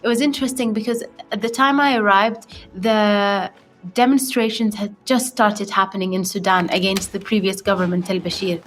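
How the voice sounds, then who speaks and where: A woman from Yemen speaks of her work abroad, pausing often and restarting her sentences. Her voice sits at a middle pitch. Soft music plays faintly under her words. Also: steady tone. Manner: hesitant, with many fillers and restarts. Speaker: aid worker interviewee. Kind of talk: reflective recounting.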